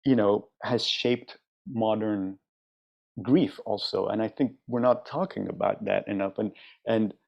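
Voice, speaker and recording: A man speaking as a panelist in a discussion, thoughtful and halting, with many restarts. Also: lowish voice, creaky, highs cut off.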